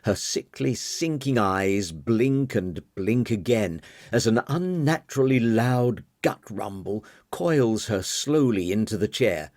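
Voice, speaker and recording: A man narrating a novel as an audiobook in a dramatic, expressive reading. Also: medium pitch, dry recording, studio quality. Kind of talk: scripted narration.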